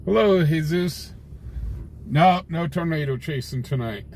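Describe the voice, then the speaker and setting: Chatting from inside his vehicle, this middle-aged American livestream host and independent scanner chaser jokes folksily with his viewers. His voice sits on the high side, a little slow, with a darkish tone. The raw live stream picks up faint vehicle and ambient noise.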